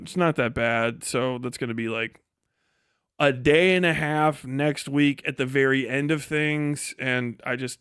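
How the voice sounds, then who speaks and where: A livestreamer and video creator gives a casual work update, rambling and swearing heavily in a sardonic, exasperated tone. His voice is a little high, a bit bright and smooth, in a dry, studio-quality recording.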